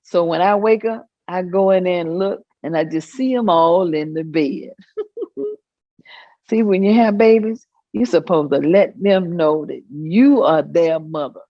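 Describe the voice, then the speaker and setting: Her lowish voice stays animated and measured as she performs the role of an amused, proud older Southern mother, telling folksy stories with a chuckle. It's a staged reading of oral history, with dull audio and no room sound.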